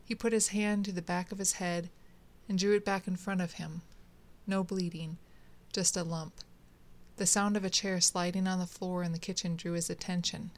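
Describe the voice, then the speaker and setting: A woman narrating a short story aloud in a steady, measured way. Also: fairly low pitch.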